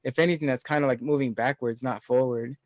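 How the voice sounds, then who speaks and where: A man's voice: mid-range voice, fairly even intonation, quick pace, a little mellow, dry recording, studio quality. A man in his thirties chatting casually on a group video call, rambling and laughing often. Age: 30s. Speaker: podcast panelist.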